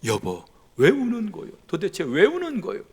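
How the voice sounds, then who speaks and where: A male pastor voicing a stern middle-aged husband who fires off indignant, sharp questions. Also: high voice, wildly swooping pitch, moderate pace, slightly rough, heavily acted. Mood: puzzled. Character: startled then angry husband, middle-aged man, stern.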